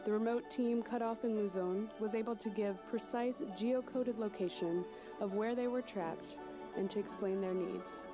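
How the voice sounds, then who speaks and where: A woman's voice: mid-range voice, normal speed, over music. A woman reading scripted narration for an informational report.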